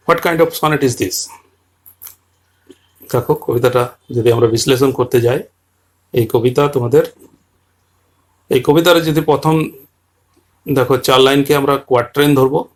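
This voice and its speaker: A man teaching a poem in detail, patiently explaining its structure and slowly reading quoted lines aloud. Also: mid-range voice, a little mellow, husky. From Bengal region.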